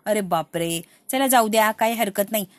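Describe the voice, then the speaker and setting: A woman's voice: mid-range voice, normal speed, no echo, lightly acted. A woman voicing a haughty spiteful rich woman. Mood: taunting. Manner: mocking, taunting.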